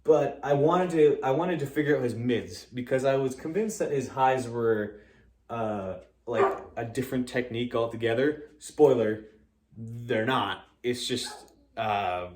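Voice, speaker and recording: A man chatting informally as he explains a vocal technique, halting and modest as he searches for words. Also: mid-range voice, a little mellow, echoey room. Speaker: amateur vocalist and drummer giving a tutorial. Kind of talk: casual explanatory vlog chat.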